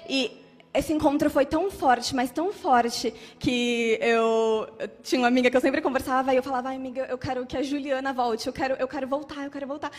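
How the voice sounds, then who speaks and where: A young woman in her twenties telling an emotional church testimony in an animated storytelling manner. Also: sits high, a little fast, big-room sound. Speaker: testimony speaker.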